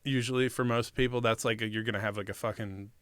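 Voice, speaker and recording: A man's voice: on the low side, fairly even intonation, fast, fairly bright tone, clear, resonant tone, no room sound. Rambling man telling stories in casual chat. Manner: rambling, profane slang. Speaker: interview guest.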